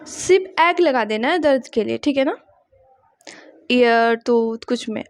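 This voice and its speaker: A young woman teaching spoken English, mixing Hindi explanation with slow, carefully repeated English example sentences. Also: a little high, lively intonation.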